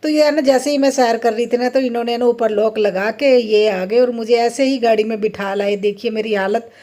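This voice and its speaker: A middle-aged woman, chatting casually in a family vlog, playfully indignant and quick to laugh as she tells her story. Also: a little high, fairly even intonation, mellow. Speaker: family vlogger.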